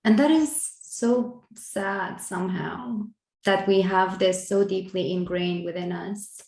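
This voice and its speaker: A woman's voice: mid-range voice, slow, gravelly, darkish tone. A woman co-hosting a casual spiritual conversation, earnest, laughing lightly between phrases and restarting her sentences. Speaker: podcast co-host. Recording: roomy echo.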